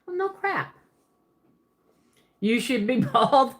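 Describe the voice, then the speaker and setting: High-sitting and sing-song, her voice moves slowly. This woman from Pennsylvania, who has a Pennsylvania Dutch accent with a Southern twist, hosts a livestream and answers viewers in a chatty, rambling way, with lots of laughter and self-correction.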